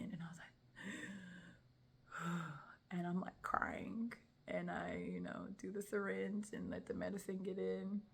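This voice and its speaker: A young woman giving a personal testimony in casual storytelling, emotional and animated, dropping into soft whispers at times. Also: fairly low pitch, vocal fry, husky. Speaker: testimony speaker.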